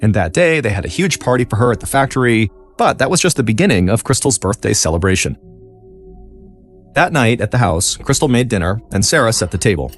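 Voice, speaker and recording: A man's voice: mid-range voice, fairly quick. A man narrating a true-crime story as a podcast host, in a dramatic storytelling manner. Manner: dramatic storytelling, lively intonation. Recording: faint music behind.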